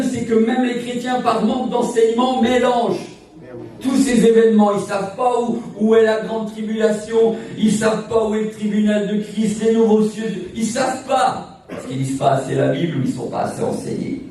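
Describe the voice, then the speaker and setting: A man's voice: high-pitched, moderate pace, dark tone, slight background noise. A man in his sixties from Portugal, an evangelist preaching a sermon in an emphatic, repetitive, preacherly cadence. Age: 60s. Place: church sanctuary. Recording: echoey church from far off.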